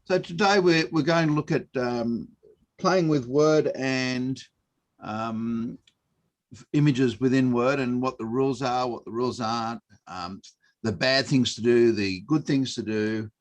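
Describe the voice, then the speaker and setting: A man's voice: mid-range voice, measured pace. Hesitant man teaching online. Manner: relaxed, hesitant, many fillers. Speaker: workshop presenter. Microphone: video call.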